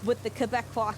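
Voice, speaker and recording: A slightly high-voiced woman from Canada, English being her first language, chats casually with viewers while playing a game on livestream, with background noise present. She rambles, frequently restarts what she's saying, and laughs easily.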